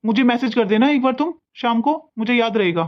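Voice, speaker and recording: A woman voicing a caring, gentle young husband in an animated cartoon, speaking in a reassuring way. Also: fairly high pitch, a little fast, highs cut off, lightly acted.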